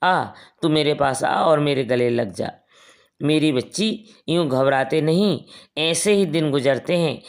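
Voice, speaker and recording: A man's voice: fairly high pitch, a little slow, clean tone. A man voicing a kind, loving middle-aged mother-in-law in a family storybook tale, talking affectionately and soothingly. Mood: reassuring.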